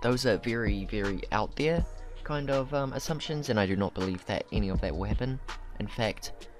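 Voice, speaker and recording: A man's voice: lowish voice, moderate pace, faint music behind. A man hosting a casual video commentary, thinking aloud and correcting himself as he speculates conversationally. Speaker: YouTube anime commentator and host.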